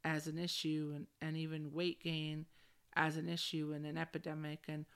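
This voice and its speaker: A woman's voice: sits low, monotone, moderate pace, a bit bright, clean tone. A middle-aged woman talking candidly on a solo podcast in a chilled, slangy way, with a valley-girl habit of peppering sentences with "like". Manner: valley-girl style with frequent "like". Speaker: podcast host.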